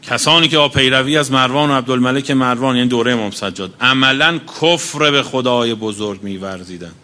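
A man delivering a sermon in a bright, forceful voice. He recites Arabic passages and then explains each one in everyday speech. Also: medium pitch. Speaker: cleric. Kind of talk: religious sermon.

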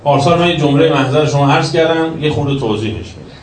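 A man giving a religious sermon, shifting between emphatic raised lines and quiet lowered passages. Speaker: cleric lecturing. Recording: roomy echo, distant from the mic, faint background noise.

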